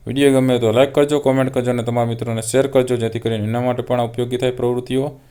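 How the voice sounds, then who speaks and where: A young man works through homework answers as a teacher, patient and methodical. His voice is smooth and clear, and it stays quite level throughout. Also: mid-range voice, fast. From Gujarat. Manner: steady, patient, reads items aloud one by one.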